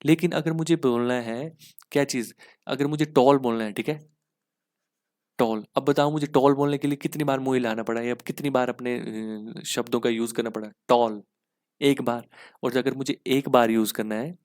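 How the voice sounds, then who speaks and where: A man teaching English for an exam in a mix, explaining step by step with rhetorical questions and spelling words out slowly. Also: medium pitch, fairly even intonation, a little mellow. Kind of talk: exam-prep lesson in Hindi-English mix.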